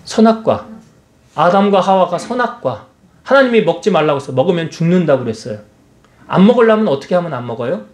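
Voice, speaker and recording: A man preaching a sermon as senior pastor, asking the congregation question after question. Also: sits high. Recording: echoey church hall.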